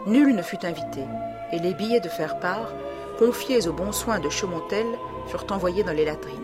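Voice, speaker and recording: A woman reading a literary story aloud in a measured storytelling manner. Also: fairly low pitch, over loud music. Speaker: audiobook narrator.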